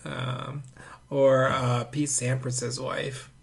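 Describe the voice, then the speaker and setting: A man's voice: medium pitch, little pitch movement, extremely slow, gravelly. A man co-hosting a casual podcast chat, hesitant and full of fillers. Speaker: podcast co-host.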